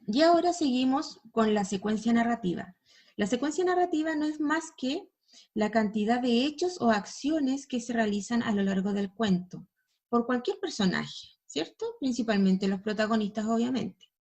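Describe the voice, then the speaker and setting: A woman's voice: medium pitch, gravelly, mellow, husky. A woman teacher giving a recorded language lesson to schoolchildren, explaining step by step and pointing students to images. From Chile.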